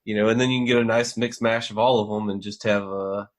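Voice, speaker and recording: A man's voice: lowish voice, steady tone, quick pace. A man co-hosting a podcast, talking in an easygoing way and weighing his words in casual chat. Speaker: podcast co-host.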